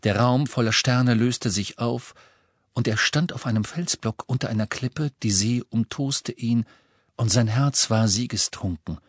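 A man narrating a fantasy audiobook with measured, dramatic storytelling. His voice sits at an ordinary male pitch. The recording is dry and close, with no room sound. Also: no echo. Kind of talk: scripted narration.

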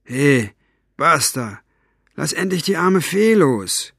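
A man's voice: a little high, very animated, takes it slowly, creaky, a bit bright, husky, no room sound, clean studio sound, pitched above the performer's own voice, exaggerated voice. Captive man forcing a light tone, read by a man, hidden fear, audiobook. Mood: defiant. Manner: forced cheerfulness with hidden fear.

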